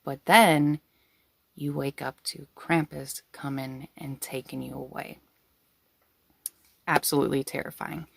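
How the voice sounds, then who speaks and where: A woman's voice: low-pitched, fairly even intonation, a little slow, gravelly, pauses often, breathy edge, no echo. A woman hosting a casual storytelling video, giggly and rambling as she talks to her viewers. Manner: giggly, breaking into laughter while talking.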